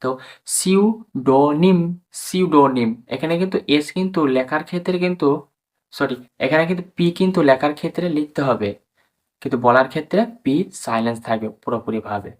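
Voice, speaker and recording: A man's voice: fairly high pitch, quick pace. A man teaching English pronunciation to viewers. He spells words out letter by letter, drawing out each sound, and keeps urging the viewers as friends to understand. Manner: addresses viewers as friends and urges them to understand.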